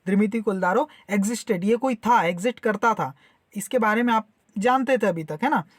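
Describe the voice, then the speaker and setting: A woman's voice: mid-range voice, moderate pace, no echo, clean studio sound. A woman teacher explaining a story line by line, repeating herself and checking that students follow. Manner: repeats and checks understanding with tag questions. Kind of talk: explaining an English story lesson.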